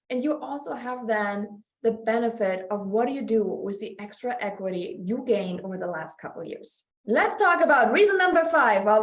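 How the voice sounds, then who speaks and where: A woman's voice: on the high side, echoey room. A woman working as a real estate agent, talking straight to camera in an upbeat, chatty, persuasive sales vlog.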